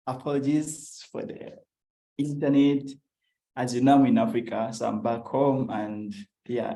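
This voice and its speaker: A young man with a Ugandan English accent speaks earnestly into a video call, his voice mellow and set in an echoey room. He tells a personal story with frequent hesitations. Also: medium pitch. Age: young adult. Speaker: climate activist speaker. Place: at home.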